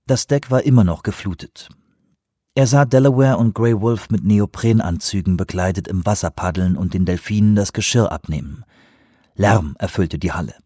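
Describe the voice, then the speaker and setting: A man narrating an audiobook in a measured, descriptive way. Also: on the low side, dark tone, no room sound, studio quality. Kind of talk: scripted narration.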